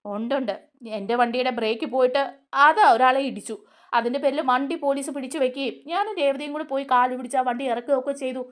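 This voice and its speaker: A woman's voice: sits high, fast, natural voice. A woman voicing a stern grown man who scolds and questions a younger relative.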